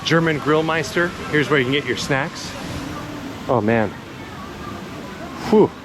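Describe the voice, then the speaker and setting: With a slightly high voice and a slightly slow delivery, this man leads a casual walking tour as a vlog host and guide, chatting and explaining informally in laid-back walk-and-talk narration. The outdoor recording picks up city ambience, street noise, and passing cars and traffic.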